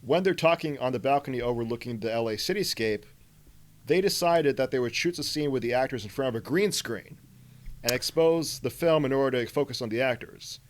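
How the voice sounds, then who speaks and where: A man hosting a film podcast, explaining movie trivia in a rambling way with many fillers. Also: mid-range voice. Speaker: podcast host. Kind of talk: casual film discussion.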